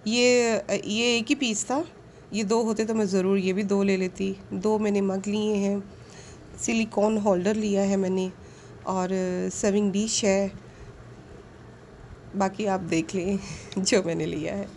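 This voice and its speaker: A woman with a soft, mellow narrates her shopping vlog in an earnest, courteous way. She pauses with small fillers as she talks. A faint hiss sits under her voice-over, which was recorded at home. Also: mid-range voice, steady tone. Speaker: vlogger.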